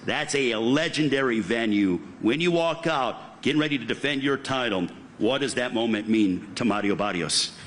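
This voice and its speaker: Bright, punchy male fight-promoter announcer. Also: mid-range voice, normal speed, few pauses, a little hiss or hum. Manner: polished, punchy announcer delivery with emphatic names and titles. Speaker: press conference host and fight announcer. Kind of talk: fight promoter hosting a boxing press conference.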